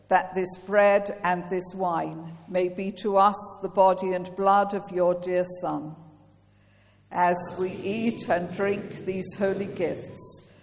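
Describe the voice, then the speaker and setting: Woman, priest, solemn measured intoning, very slow, cathedral echo, long church reverb. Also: medium pitch. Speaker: priest leading communion. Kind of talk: reciting a liturgical prayer. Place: large church.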